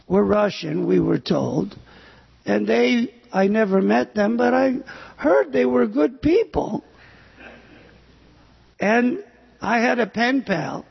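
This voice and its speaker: An older American man delivers a sermon on scripture at a slow, halting pace, stopping frequently and filling the gaps with "uh." His voice is high and gravelly with a husky edge, and the dull recording carries a long hall echo.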